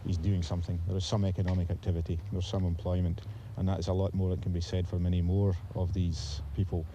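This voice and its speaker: Low-voiced, emphatic male interviewee. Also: little pitch movement, quick pace, mellow, slight background noise. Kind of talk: opinionated interview commentary.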